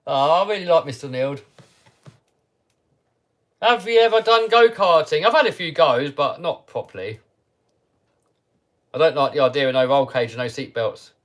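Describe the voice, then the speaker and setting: Slightly high and a bit bright, this man's voice moves at a moderate pace with frequent pauses. He's running a relaxed livestream, laughing often, chatting comfortably and reading out what viewers ask.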